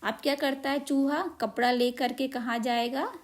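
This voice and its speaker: A woman's voice: high voice, fairly even intonation, moderate pace. Woman teacher explaining a story. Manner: asks and answers own questions, repeats simply. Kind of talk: explaining a children's story lesson.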